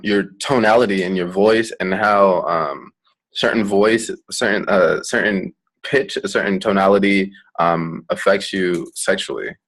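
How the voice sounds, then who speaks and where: Deep-voiced, affirming male host. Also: a bit bright, poor audio. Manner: affirming, fills pauses with frequent "mm-hmm". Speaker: podcast host. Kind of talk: casual interview chat.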